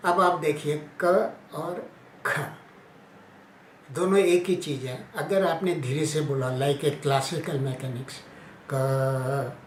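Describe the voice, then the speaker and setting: A man teaches in a very slow, deliberate way, pausing to sound out letters one at a time. His voice sits a little high for a man. The recording is roomy and echoey, with a faint hum of ambience behind him. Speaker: teacher explaining Hindi phonetics. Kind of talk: informal spoken lesson.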